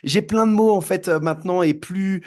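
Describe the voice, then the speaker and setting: A man hosts a conversational podcast interview. His voice sits a little high for a man, and he talks loosely, pausing and filling as he searches for his words. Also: a little mellow. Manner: searching for words, many fillers. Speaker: podcast host. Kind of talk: casual interview chat.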